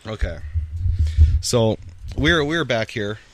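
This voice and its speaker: A man's voice: mid-range voice, animated, measured pace, a little hiss or hum. A man hosting a podcast outdoors on a patio, chatting casually and rambling, often restarting his sentences. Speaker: podcast host. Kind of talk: casual chat.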